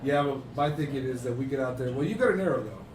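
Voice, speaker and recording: A man's voice: medium pitch, animated, quick pace, a crowd in the background. A man talking bluntly as a player in a tabletop game, asking questions. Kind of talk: casual tabletop game chat. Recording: echoey room, distant from mic, noisy.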